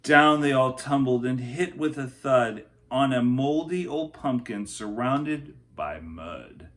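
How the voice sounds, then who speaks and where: A male teacher reads a children's picture book aloud slowly in a mid-range voice. He stresses the text expressively and adds gentle, chatty side comments.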